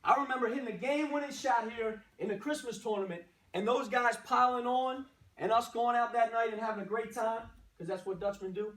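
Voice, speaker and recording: A male coach rallies the team before the game, exhorting them with short bursts and rhetorical questions. His voice is extremely high-pitched, a bit bright and fairly quick. The sound carries a roomy echo from a far-off microphone.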